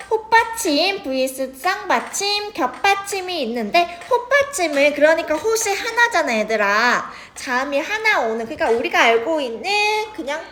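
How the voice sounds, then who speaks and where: Young female tutor, high pitch, casual classroom explaining, frequent check-ins. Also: a bit bright, slight background noise. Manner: chatty, checks in with students often. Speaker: teacher. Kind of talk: grammar lesson to students.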